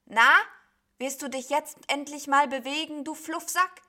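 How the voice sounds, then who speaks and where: A woman voicing a loud, cheeky, grumbling sheep who scolds and shouts. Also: sits high, fairly even intonation, a little slow, pitched above the performer's own voice. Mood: shouting scold.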